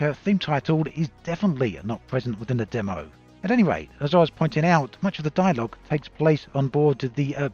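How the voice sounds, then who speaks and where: A man reviewing a video game in a measured, explanatory way, recorded on a cheap stand-in microphone with low audio quality. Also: a little mellow. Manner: measured, explanatory, occasional fillers. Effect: low-quality audio from a cheap stand-in mic. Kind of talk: scripted game review commentary. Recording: dull lo-fi cheap mic recording.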